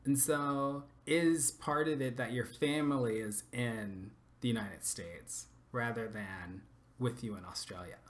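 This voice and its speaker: A man's voice: medium pitch, a little slow, few pauses. A man hosting a casual podcast interview, asking curious, probing questions. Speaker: podcast host.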